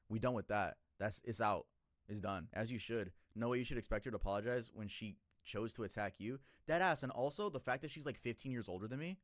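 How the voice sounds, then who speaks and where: A man in his twenties, a streamer casually telling a story to his chat, emotional and profane, jumping between loud outbursts and low muttering. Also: dry recording, clean studio sound. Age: 20s.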